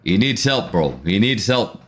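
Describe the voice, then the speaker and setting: Slangy low-voiced man hosting a match stream. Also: very animated, measured pace, fairly bright tone. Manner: casual and slangy, addresses viewers as chat and bro; reads out viewer comments between reactions. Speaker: watchalong stream host. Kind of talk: live football watchalong commentary.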